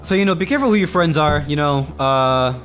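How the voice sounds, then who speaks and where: A man's voice: a little high, expressive, brisk, fairly bright tone. A man wrapping up a story in a TV studio, hesitant and full of "uh" and "you know". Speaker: community storyteller. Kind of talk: casual storytelling wrap-up. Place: community TV studio.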